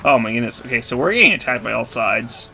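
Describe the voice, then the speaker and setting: Casting: male let's-play host, rambling and self-deprecating, bright tone with vocal fry. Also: medium pitch, expressive, fast talker, faint music behind. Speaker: gamer, video host. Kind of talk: casual let's-play commentary.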